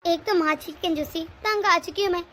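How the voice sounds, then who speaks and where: A browbeaten middle-aged wife who long bore her mother-in-law's rule, voiced by a woman in a cartoon story. Her very high, bright voice grumbles and pleads. She sounds put-upon but quick to defend herself. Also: a little hiss or hum. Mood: grumbling. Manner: complaining, pleading. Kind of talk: cartoon voice acting.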